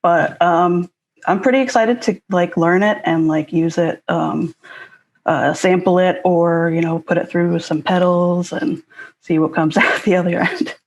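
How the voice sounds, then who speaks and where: A woman from Connecticut, a guest musician chatting casually on a live stream, hesitant with many fillers and soft laughs. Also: lowish voice, steady tone, a little slow.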